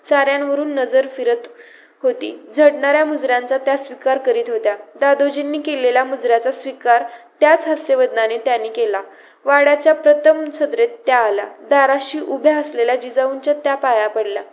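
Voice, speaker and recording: A woman with a high voice reads a historical novel aloud as an audiobook narrator. Her delivery is steady and measured. The audio is a little dull and lo-fi. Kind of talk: scripted narration. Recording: slightly muffled lo-fi audiobook audio.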